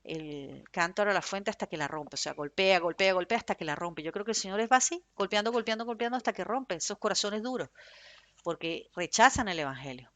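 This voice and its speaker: A woman preaching a fervent, emphatic sermon in Spanish with a Venezuelan accent, speaking in a loud tone. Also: mid-range voice, lively intonation, fairly quick, dry recording.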